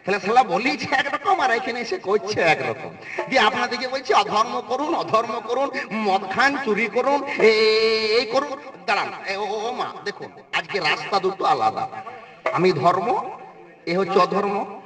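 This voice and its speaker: A man's voice: sits high, animated, unhurried, bright, forceful tone, echoey room, distant mic. A man performing a live folk debate show, teasing and preaching as he speaks straight to the audience. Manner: teasing, preachy, addresses listeners directly.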